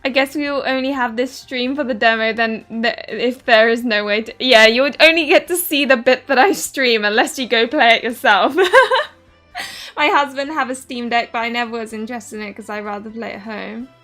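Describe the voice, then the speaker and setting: Faint game music sits under a woman casually commenting on her stream in a southern English accent. She reads the game's text aloud, laughs a lot and trips over names. Her voice is fairly high and a bit bright, at a normal speed.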